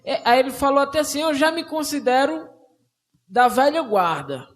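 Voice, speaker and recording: A woman's voice: high-pitched, animated, moderate pace. A woman moderating a conversation circle, talking casually with frequent hesitations and restarts. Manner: hesitant, many restarts and fillers. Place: auditorium of a cultural center.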